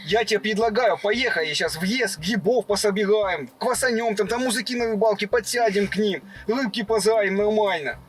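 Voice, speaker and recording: A man's voice: sits high, fairly quick, few pauses, soft background music, lightly acted, poor audio. A man playing a brazen, boastful freeloading suitor in a prank, with slushy sh-like s sounds and cocky slang. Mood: scornful, pushy. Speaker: prankster host of a hidden-camera dating prank. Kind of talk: improvised prank dialogue. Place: inside a car.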